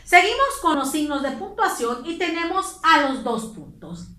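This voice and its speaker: A woman's voice: sits high, sing-song, normal speed, sharp tone, reverberant. A woman teacher with a Mexican Spanish accent, patiently explaining a lesson to pupils. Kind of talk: online class lesson.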